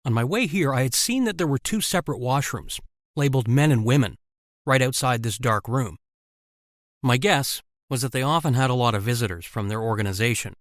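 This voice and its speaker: A man narrating an animated story in the first person, in a wry, conversational way. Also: medium pitch, brisk, dry recording, studio quality.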